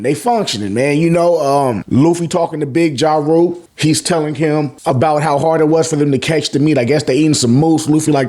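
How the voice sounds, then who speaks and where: An American man hosts a YouTube review of manga chapters, his medium-pitched voice a little mellow. The recap is casual, slangy and profane, and he sometimes acts out the characters' lines as he goes.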